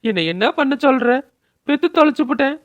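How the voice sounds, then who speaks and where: A woman's voice: high-pitched, expressive, fast talker, no echo. A woman voicing a weary, scolding older mother-in-law in a cartoon, worn down by her drunkard son. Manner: scolding, world-weary, anxious. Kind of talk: cartoon voice acting.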